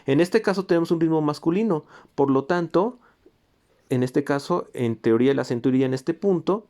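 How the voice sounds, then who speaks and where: A man's voice: on the high side, expressive, a little fast, dark tone. A man explaining music theory. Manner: explanatory, sings rhythm syllables to demonstrate; pointing to examples on a board. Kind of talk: recorded lecture.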